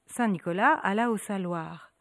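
A woman telling a folk tale aloud. She builds rhythm through repetition and dramatic pauses. Her mid-range voice is recorded close and dry. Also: mid-range voice, no echo. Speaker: storyteller. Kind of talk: storytelling narration.

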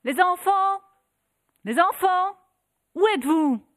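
A woman acting out a frantic mother calling for her missing children. The voice leaps very high and rings out loudly. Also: lively intonation, slow pace, no room sound, studio quality, heavily acted. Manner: shrill, calling out.

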